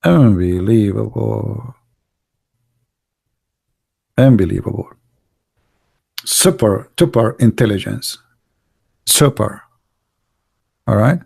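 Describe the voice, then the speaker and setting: Slow, gravelly and a little mellow, the medium-pitched voice of a middle-aged man pauses often. He is the host of a live religious debate podcast, sneering sarcastically in heavily accented, grammatically broken English.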